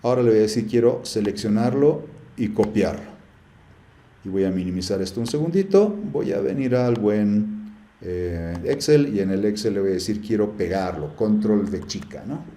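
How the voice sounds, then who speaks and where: Man, low mellow voice, chatty class teacher, echoey room. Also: expressive, moderate pace. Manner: chatty, uses many fillers and checks with "¿ya?". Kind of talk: live class screen-share tutorial.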